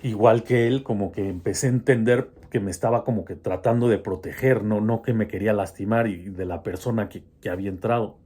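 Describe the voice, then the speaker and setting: A man's voice: lowish voice, fairly quick, hardly any pauses, dark tone, husky. A man telling a personal horror story in a casual, hesitant way, with many restarts.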